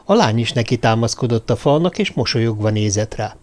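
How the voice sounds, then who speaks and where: A man narrating a novel as an audiobook, reading in a steady, measured way. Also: mid-range voice. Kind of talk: scripted narration.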